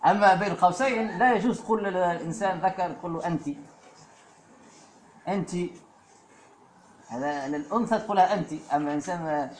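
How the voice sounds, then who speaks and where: Man, religious lesson, roomy echo, faint background noise. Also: high-pitched. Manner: fillers and asides, slows to recite verses. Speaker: preacher. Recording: echoey room with faint ambience.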